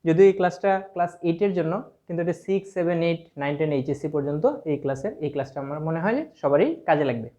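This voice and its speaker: A man's voice: fairly high pitch, fast talker, few pauses, dark tone. A man with a Sylheti Bengali accent teaching an English grammar lesson, explaining step by step and spelling words out letter by letter. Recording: dull lo-fi sound.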